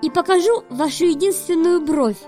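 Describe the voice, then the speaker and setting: A plucky teenage girl, high voice. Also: moderate pace, a little mellow, faint music behind. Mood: forced playful. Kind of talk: audiobook character reading.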